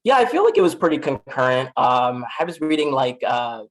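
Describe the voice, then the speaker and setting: Speaking a little fast in a sing-song, mid-range voice, this American-accented podcast guest from Miami, United States, is casual and reflective. He takes a self-deprecating approach to the interview.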